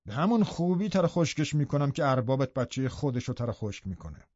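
A man voices a harsh middle-aged landowner who speaks of those around him with cold contempt and pride. The tone is dark and mellow, and the dry, dull lo-fi recording keeps everything close and muffled. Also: fairly high pitch, no echo. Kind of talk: audiobook character reading.

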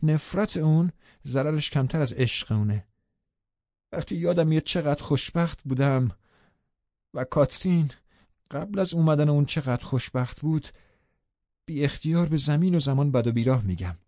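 A man's voice: on the high side, expressive, mellow, dry recording, lo-fi sound, pitched above the performer's own voice. A man voicing a distressed, defiant young woman in an audiobook, speaking in a heated, pointed way. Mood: bitter.

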